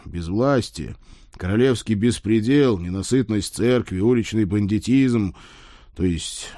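A man's voice: on the low side, dark tone, no echo, studio quality. A man narrating a fantasy audiobook in the first person with a wry, ironic manner.

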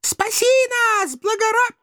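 A man voicing a shrill, indignant female river nereid in an audiobook, with a thin, hysterical voice. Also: slow, pushed and bright, no room sound, clean studio sound, full character voice. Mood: pleading. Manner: hysterical, outraged. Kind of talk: audiobook character voice.

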